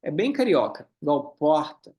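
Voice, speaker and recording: A man teaching a German class, reading lines slowly and then explaining them quickly. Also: on the high side, big pitch swings, a little mellow. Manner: switches between slow careful German and quick explanations. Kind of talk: online class, reading dialogue and translating.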